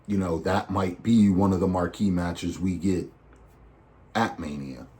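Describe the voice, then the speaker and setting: Podcast host, male, lowish voice, loose and chatty, breaks into animated rants. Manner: chatty, digressive, animated asides. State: recovering from flu. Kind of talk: casual wrestling predictions.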